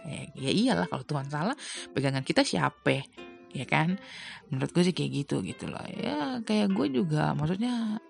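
A woman's voice: low voice, lively intonation, moderate pace, creaky. A young woman giving casual, slangy advice in a chatty monologue full of rhetorical questions. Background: faint guitar music.

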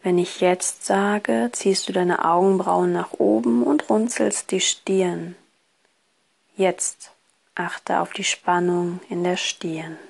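A woman guiding a relaxation exercise in a soft, partly breathy voice, with a soothing, hypnotist-like delivery. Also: on the low side, steady tone, takes it slowly. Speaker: relaxation course instructor. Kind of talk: guided relaxation, scripted instruction.

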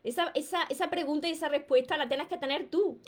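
On her live stream, a self-help author with a high voice and a Peninsular Spanish accent says hello to viewers by name. She gives advice in an emphatic, encouraging way.

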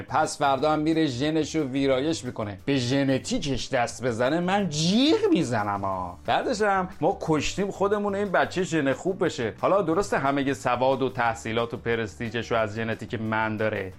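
A man's voice: medium pitch, natural voice. A man playing a grumbling middle-aged husband and father in a comic radio sketch, exasperated and ranting.

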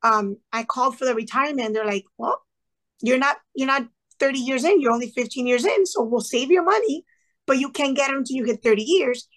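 She talks fairly fast in a high-pitched voice, a guest in her thirties who once worked as a classroom teacher and whose family is Cuban. Her storytelling is conversational and earnest, and she acts out the people she quotes with lively, animated asides.

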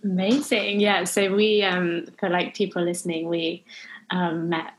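A young woman hosts a relaxed podcast chat in a fairly low voice. She talks in a loose, friendly way, filling her sentences with "like" and laughing easily. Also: a little slow, slight background noise. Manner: chatty, many "like" fillers, laughs easily. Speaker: podcast host.

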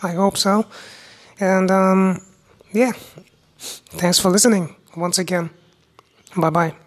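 A young woman from India with an Indian accent, a newly qualified doctor hosting her own medical podcast, talking alone in a halting way with many restarts and speech that is not very clear. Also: medium pitch, fairly even intonation. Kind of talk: solo medical podcast talk.

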